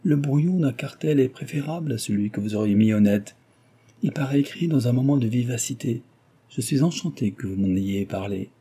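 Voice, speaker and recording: A man's voice: medium pitch, lively intonation, brisk, mellow, slightly rough. A man reading an audiobook, voicing a scheming, mischievous aristocratic lady in a raised, teasing voice. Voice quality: teasing, sly. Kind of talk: audiobook character voice.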